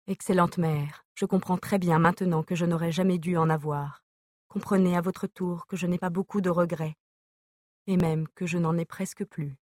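Brief: woman audiobook reader, measured letter reading, lowish voice, dry close sound. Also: fairly even intonation, a little mellow, dry recording. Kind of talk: reading an epistolary novel aloud.

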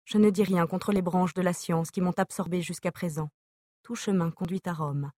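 A woman reading an epistolary novel aloud, letter by letter, in a measured, even way. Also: fairly low pitch, no echo, studio quality. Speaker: audiobook reader.

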